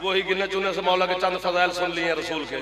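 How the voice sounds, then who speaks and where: A man's voice: sits high, little pitch movement, fast talker. A male religious scholar giving a mourning-assembly sermon, rousing and teasing his listeners to call back and applaud. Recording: loud crowd around the preacher.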